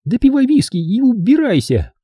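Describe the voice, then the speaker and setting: A man's voice: high voice, big pitch swings, normal speed, mellow, husky, no echo, clean studio sound, voice pushed up, full character voice. A man voicing a prim, prickly young woman secretary who speaks sharply and indignantly in an audiobook reading.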